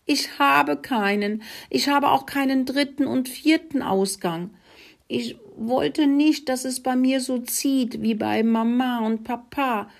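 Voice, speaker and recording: A woman's voice: high-pitched, slow pace, vocal fry, voice pushed up, exaggerated voice. A woman doing a whiny, tearful little girl animal. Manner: whiny, sobbing.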